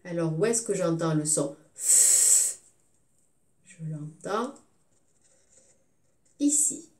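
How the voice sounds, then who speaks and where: A woman teaching a recorded phonics lesson to young children, sounding out syllables slowly and clearly. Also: on the low side, darkish tone, reverberant. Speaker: kindergarten teacher.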